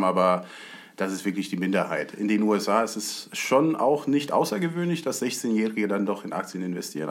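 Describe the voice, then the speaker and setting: A man raised in the USA, a guest explaining his views in an earnest, conversational way. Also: fairly low pitch. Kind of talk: conversational talk.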